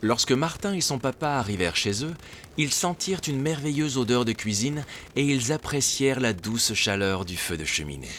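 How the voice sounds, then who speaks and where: A man narrating a children's storybook in an expressive, lilting way. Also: mid-range voice, normal speed, slight background noise.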